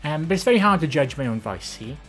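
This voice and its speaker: Talking fast with big swings in pitch, a woman from the Welsh Valleys chats on her live stream, answering viewer questions over faint music. Her voice is soft and gentle but low and less feminine, and she rambles, full of ums and restarts.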